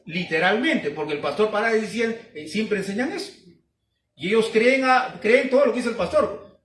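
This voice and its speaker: High, lively pastor preaching. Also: male voice, far from the mic. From Peru. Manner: emphatic, repetitive, rhetorical questions. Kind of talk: sermon teaching. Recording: roomy sound from off-mic.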